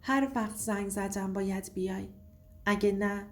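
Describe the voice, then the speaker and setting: A woman voicing a menacing, mysterious female hitchhiker who speaks calmly and threateningly, over faint music. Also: mid-range voice, lightly acted. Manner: calm, threatening.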